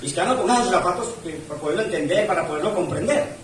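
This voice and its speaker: A man's voice: high voice, expressive, quick pace, a little hiss or hum. A man preaching a sermon as a pastor, his emphasis rising and falling as he reads scripture aloud. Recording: echoey church room from far off.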